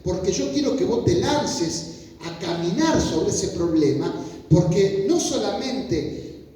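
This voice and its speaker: A man's voice: high-pitched, a little mellow, slight background noise. A man with a Rioplatense Spanish accent preaching a sermon, telling stories in a loose, conversational way and acting out pleading voices. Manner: informal storytelling preaching, acts out pleading voices. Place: church meeting hall. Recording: echoey hall, voice from far off.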